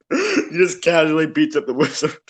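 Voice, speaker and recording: Young dude rambling on a home podcast mic, lots of ums and restarts. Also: male voice, on the high side, slightly rough. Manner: rambling, laughing, many restarts and fillers. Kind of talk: casual podcast chat with friends.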